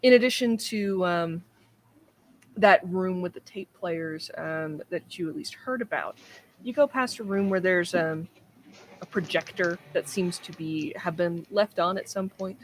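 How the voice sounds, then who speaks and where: A woman acting as game master, describing scenes in an unhurried way with frequent pauses and ums. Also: fairly low pitch, slight background noise. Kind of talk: narrating a tabletop game.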